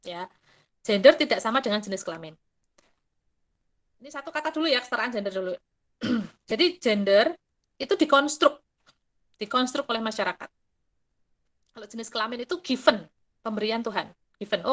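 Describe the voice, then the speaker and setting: A middle-aged woman explains things in a lively, chatty way. Her voice sits a little high, and she drops into quick acted quotes and local sayings. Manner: animated, mixing in Javanese quips and acted quotes. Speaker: guest speaker. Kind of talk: casual explanatory talk.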